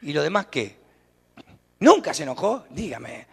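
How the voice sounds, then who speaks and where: A man's voice: on the high side, very animated, unhurried, gravelly, breathy edge. A man with an Argentine accent preaching a sermon as pastor, emphatic and putting questions straight to the congregation. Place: church sanctuary. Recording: long church reverb.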